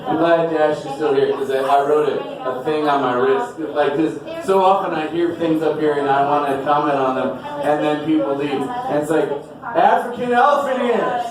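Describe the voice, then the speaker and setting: Male stand-up comic, rambling and self-mocking, sweaty, higher voice, echoey club heard from afar with the crowd. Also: normal speed, distant mic. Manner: rambling, self-deprecating, shouts into high put-on voices. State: sweating heavily. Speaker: stand-up comedian. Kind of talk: stand-up comedy set. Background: audience.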